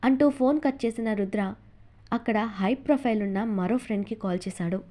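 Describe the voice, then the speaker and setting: A woman narrating a novel as an audiobook in steady, expressive storytelling. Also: fairly high pitch, a little fast.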